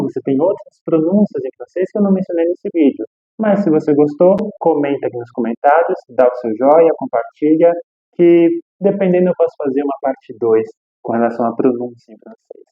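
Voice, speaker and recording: A man's voice: fairly high pitch, narrow, tinny audio. Man teaching French pronunciation. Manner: explains slowly, repeating example words. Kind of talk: pronunciation lesson.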